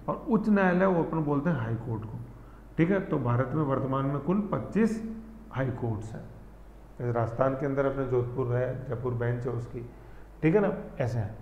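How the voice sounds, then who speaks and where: A medium-pitched male teacher leads an exam-prep lesson conversationally, checking in constantly with "thik hai" and slowly spelling out pronunciation syllable by syllable. Recorded in an echoey room, the audio is dull and lo-fi with long reverb and slight background noise.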